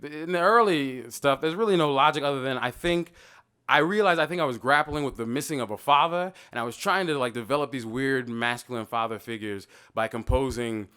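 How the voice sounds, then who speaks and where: A man in his thirties talking casually about his artwork, animated and digressive, often quoting voices as he tells stories. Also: medium pitch, clean tone. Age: 30s. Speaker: artist talking about his own work. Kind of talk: gallery talk, casual storytelling.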